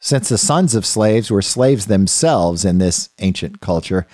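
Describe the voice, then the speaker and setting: Thinking aloud, a Bible teacher works through an unscripted study lecture, often circling back to restart phrases and adding asides to the listener. His slightly low voice is mellow, dark, expressive and unhurried. The sound is dry and close, with no room sound or echo.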